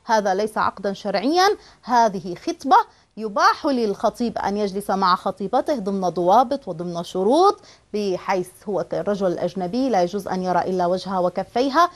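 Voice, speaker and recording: A woman's voice: mid-range voice, lively intonation, a little fast. Earnest woman giving a religious lesson. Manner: earnest and explanatory, with small restarts. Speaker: religious teacher.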